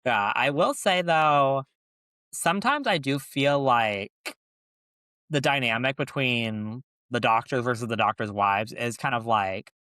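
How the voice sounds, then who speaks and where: A man co-hosting a casual podcast, talking in a bright, forceful voice. His speech is loose and rambling, full of restarts and quick laughs. The sound is dry and close to the mic. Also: mid-range voice, no room sound. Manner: chatty, with frequent restarts and laughs. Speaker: podcast co-host. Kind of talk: casual chat.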